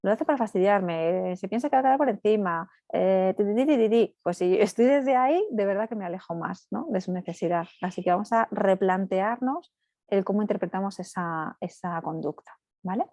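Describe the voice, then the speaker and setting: A woman family therapist giving a talk to parents, explaining in a steady teaching way with frequent "right?" tags. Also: mid-range voice, brisk, no room sound, clean studio sound. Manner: acts out parents' and children's lines in passing.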